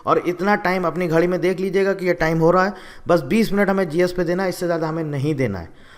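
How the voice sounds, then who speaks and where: Higher-pitched man teaching exam strategy. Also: steady tone, fast talker. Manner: direct, instructive, addresses students as friends.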